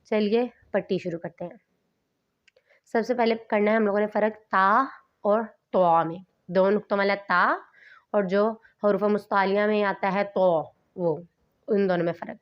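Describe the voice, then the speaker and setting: A woman's voice: medium pitch, steady tone, dull audio. A woman teaching Quran reading, patiently explaining and then carefully enunciating each letter sound in turn. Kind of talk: slow instructional recitation lesson.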